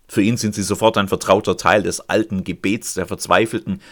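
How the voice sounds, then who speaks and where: A man preaching a sermon, swinging between loud cries and hushed, almost whispered lines. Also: sits low, fairly even intonation, fairly quick.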